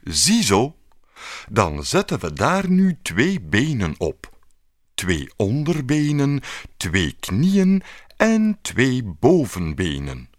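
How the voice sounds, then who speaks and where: A man voicing a patient sculptor in a children's story, explaining things slowly. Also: medium pitch, wildly swooping pitch, no echo, clean studio sound, exaggerated voice. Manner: slow and explaining, drawn out. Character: patient, slow old sculptor.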